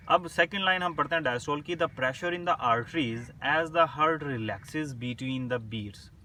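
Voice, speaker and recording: A male medical lecturer gives a recorded lesson. He reads English definitions slowly, then explains them in a conversational way and checks in often with short confirming words. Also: medium pitch, sharp tone, distant mic, a little hiss or hum.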